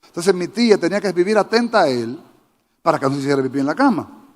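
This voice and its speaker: A man's voice: a little high, fast. A male pastor preaching a sermon, fervent and often questioning the congregation directly. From Dominican Republic. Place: church sanctuary. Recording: church hall with long reverb.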